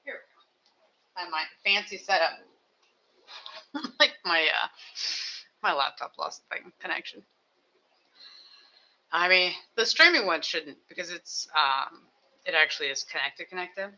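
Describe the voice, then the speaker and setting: Bright-voiced chatty home streamer. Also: medium pitch, a little slow, pauses often, lo-fi sound. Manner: chatty, thinks aloud, self-mocking asides. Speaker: live streamer building toy sets. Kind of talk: casual rambling chat while building. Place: home desk with two computers.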